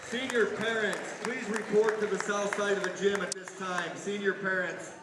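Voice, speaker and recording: A man making public address announcements over a PA system at a wrestling meet, calling names out slowly. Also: sits high, flat delivery, background noise. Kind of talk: gym announcements. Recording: echoey gym PA heard from far off, crowd.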